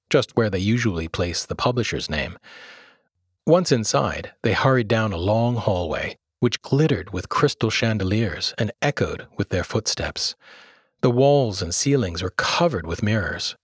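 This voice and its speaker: A man reading a children's story aloud as narrator, expressive and lively. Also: lowish voice, husky, no room sound, studio quality. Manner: expressive storyteller, voices characters. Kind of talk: audiobook reading.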